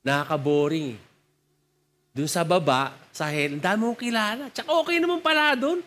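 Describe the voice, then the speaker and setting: A man's voice: on the high side, pitched below the performer's own voice. A man voicing a cheerful, chatty male politician in the afterlife, with a Filipino accent. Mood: chatty, puzzled. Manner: quick, excited, chatty.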